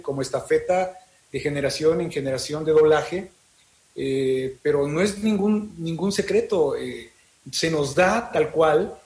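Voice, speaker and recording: A Mexican man, a voice actor, tells stories on a panel in a high, animated voice. The audio sounds roomy. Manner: animated storyteller, quick. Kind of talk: panel talk.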